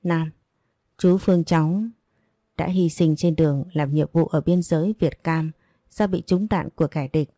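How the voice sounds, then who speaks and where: A woman voicing a somber soldier who delivers bad news gravely and apologetically, in a low voice. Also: fairly even intonation, moderate pace, dark tone, dry recording, clean studio sound.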